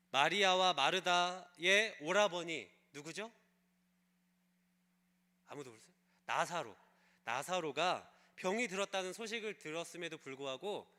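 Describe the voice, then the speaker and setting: A man's voice: a little high, pushed and bright. A male pastor preaching a sermon, telling a story and putting questions to the congregation. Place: church service.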